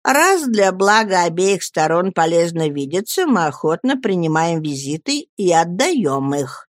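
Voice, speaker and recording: A woman voicing a prim elderly spinster aunt in a storybook reading, measured and formal in a slightly lowered voice. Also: no room sound, studio quality.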